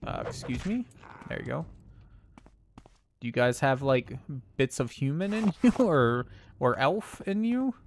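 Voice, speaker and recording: Casual gameplay chat comes from a man with an animated, mid-range voice who speaks a little slowly and pauses often. He laughs a lot with his viewers, his nose is a bit stuffy, and music plays faintly behind.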